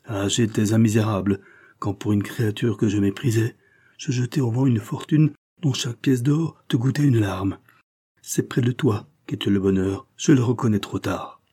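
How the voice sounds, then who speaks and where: A man's voice: fairly low pitch, steady tone, moderate pace, mellow, breathy edge. A man reading aloud, voicing a remorseful young man who confesses his faults to his mother with heated emotion. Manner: emotional and self-accusing.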